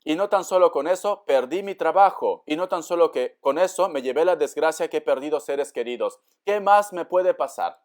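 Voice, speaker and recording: A man giving a tarot reading to camera in a warm, coaxing way, often calling the listener dear and acting out their doubts. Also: a little high, animated, moderate pace, few pauses. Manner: acts out the listener's doubts in quotes. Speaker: tarot reader.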